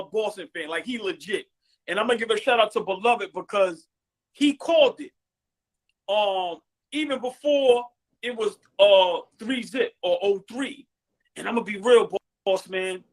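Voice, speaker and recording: A man in his forties hosting a livestream, teasing and trash-talking loudly in casual chat, repeating himself. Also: high voice, normal speed. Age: 40s. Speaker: livestream podcast host. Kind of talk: casual sports trash talk.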